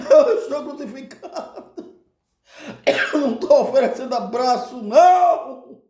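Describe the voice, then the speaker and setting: A man voicing an exasperated crucified Jesus who shouts his complaints in a high, strained voice. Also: animated, a little slow, reverberant, exaggerated voice.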